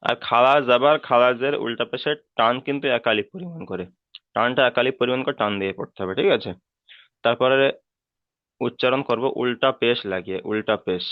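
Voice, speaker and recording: A man's voice: mid-range voice, fairly quick, dry recording. A man teaching Quran letter pronunciation in an online class, patiently drilling each letter and often checking that students follow. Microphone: online call. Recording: dry, phone-like call audio.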